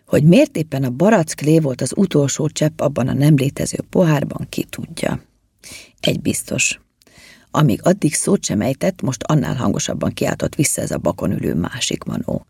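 Brief: storybook narrator, woman, husky and animated, close and dry. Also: a bass voice, no room sound. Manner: lively and expressive. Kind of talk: storybook reading.

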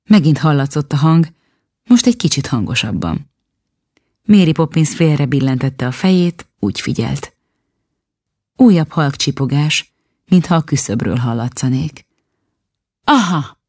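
Female audiobook narrator, low, steady storytelling, dry studio sound. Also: long pauses, no echo.

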